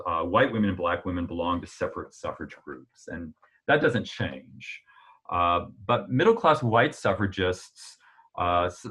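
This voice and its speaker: A man giving an illustrated history lecture in a relaxed, conversational way, with frequent "uh" fillers and sudden jumps in pitch for emphasis. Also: husky.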